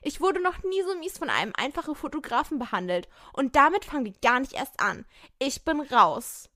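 A woman's voice: sits high, big pitch swings, a little fast, fairly bright tone, no echo, clean studio sound, voice pushed up. A woman reading the lines of a spoiled, arrogant young female model in a story game, in her own voice. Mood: haughty.

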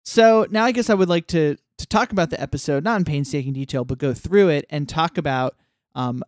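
A podcast co-host talks through a cartoon episode in a loose, rambling way, full of "like" fillers and bits of acted-out dialogue. The voice sits at a middle pitch. The recording is dry and close. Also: fairly quick, no room sound. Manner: acts out quoted lines. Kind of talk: casual chat recapping a cartoon episode.

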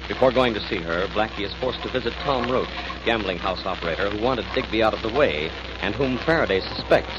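Old radio broadcast announcer, lo-fi. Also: male voice, mid-range voice, noisy background. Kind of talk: scripted story recap narration. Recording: dull lo-fi vintage radio sound with music.

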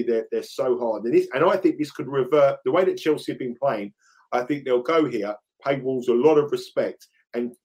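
Brief: London bloke, middle-aged football tipster on a betting podcast, chatty, laughs easily, mid-range voice. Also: male voice, mid-range voice. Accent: London English. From England. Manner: laughs through stories, repeats himself when excited. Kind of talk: casual podcast chat.

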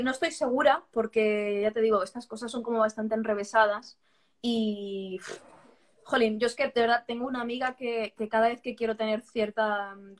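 Chatty woman from Barcelona. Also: mid-range voice. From Barcelona, Spain. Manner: chatty, frank, often restarts words. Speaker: podcast guest, vegan author. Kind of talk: casual conversation.

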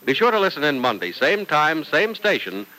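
On an old radio broadcast recording with poor audio, a man plays an announcer reading scripted narration and ads with dramatic, emphatic salesmanship. His voice is fairly high and bright, swings widely in pitch, and is forceful at a moderate pace.

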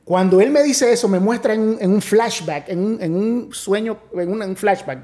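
A pastor, telling an emotional personal testimony with many restarts and acted-out quotes. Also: male voice, high voice, moderate pace, mellow. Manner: storytelling with many restarts, acts out quoted voices. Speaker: pastor, podcast guest.

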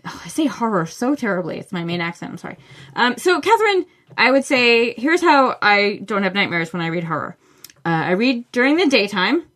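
On this book podcast, the woman hosting speaks in a fairly quick, sing-song voice that sits on the high side and sounds a bit bright. She answers listener questions solo, casually and enthusiastically, with many fillers.

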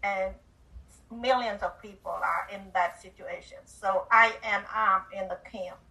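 A woman's voice: medium pitch, fairly even intonation, a little slow, sharp tone, distant mic, rough recording. An older woman from Cambodia, a guest author and speaker, earnestly telling her life story in an interview, with simple phrasing and small grammar slips.

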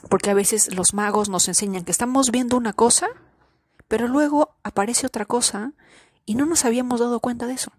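A woman hosting a spiritual podcast, speaking slowly and deliberately and pressing her listeners with repeated rhetorical questions, at times dropping to a whisper. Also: on the high side, breathy edge, dry recording, studio quality. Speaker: podcast host. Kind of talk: reflective spiritual monologue.

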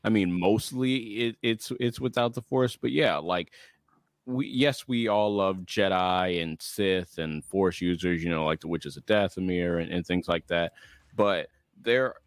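A man co-hosting a casual podcast chat, thoughtful and hesitant, filling pauses with "you know". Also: low-pitched, no room sound, clean studio sound. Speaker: podcast co-host.

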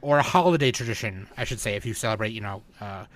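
A man co-hosting a podcast rambles through casual chat, full of fillers and restarts. His voice sits on the low side, and he talks fast and expressively.

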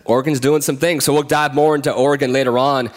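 Co-host, male, mid pitch, chatty recruiting analyst who repeats himself. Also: steady tone. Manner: chatty, repeats words, quick asides. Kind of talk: casual sports talk.

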